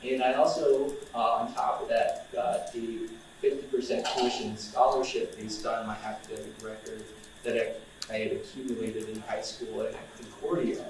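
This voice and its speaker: A young man speaking informally to a room of students as an outreach coordinator, relaxed and chatty with plenty of fillers and restarts. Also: medium pitch, normal speed, recorded from a distance, noisy background. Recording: echoey room, voice off-mic.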